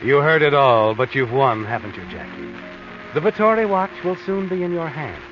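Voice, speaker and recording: An actor playing an ominous, knowing American narrator who slyly taunts the guilty in a 1940s radio mystery. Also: male voice, fairly high pitch, big pitch swings, moderate pace, music in the background. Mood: sly, taunting. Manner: sly, insinuating second-person address. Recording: hissy, muffled vintage radio recording.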